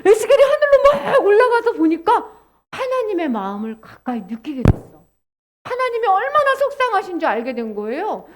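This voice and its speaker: A woman delivers a children's sermon, acting out the story and quizzing the kids. Her voice is very high and lively, swooping up and down as she narrates. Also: moderate pace. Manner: animated, acts out voices and asks children questions.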